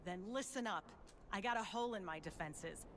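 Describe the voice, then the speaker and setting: An actress playing a gruff, defiant ex-army woman in a zombie video game, blunt, sardonic and commanding. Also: medium pitch, brisk, fairly bright tone, natural voice. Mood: grudging, businesslike. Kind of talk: scripted video game acting. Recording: faint background noise.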